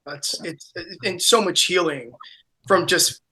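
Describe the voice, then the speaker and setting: A woman's voice: on the low side, slow, pushed and bright. A woman hosting a spiritual podcast interview, talking in a rambling way with many fillers and restarts. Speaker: podcast host. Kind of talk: casual interview.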